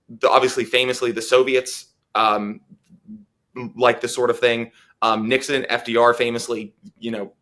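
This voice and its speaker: A man's voice: medium pitch, sharp tone. A man as a policy analyst guest in a political interview, talking earnestly with many fillers and restarts.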